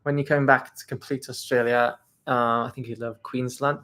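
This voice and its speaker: A man's voice: medium pitch, flat delivery, brisk, fairly bright tone. A young man co-hosting a casual live travel Q&A, laid-back and hesitant with fillers. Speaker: travel vlogger co-host.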